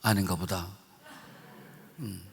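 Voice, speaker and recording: A man's voice: deep voice, fairly even intonation, takes it slowly, vocal fry, slightly rough. A pastor preaching a revival sermon. He is emphatic and repeats himself, putting questions to the congregation. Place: church sanctuary. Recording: reverberant church sanctuary.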